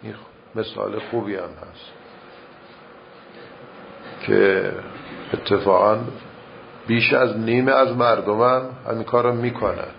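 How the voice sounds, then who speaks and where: A man teaching recitation rules in a measured, step-by-step way, reciting verse examples as he explains. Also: lowish voice, fairly even intonation, vocal fry. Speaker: religious teacher. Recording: muffled lo-fi recording with faint noise.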